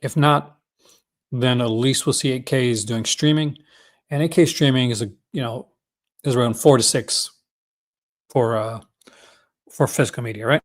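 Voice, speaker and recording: Casual, unscripted vlog talk comes from a Newfoundland man whose medium-pitched voice moves at a moderate pace with long pauses. He hosts a movie-collecting channel, and his accented chat is folksy and enthusiastic.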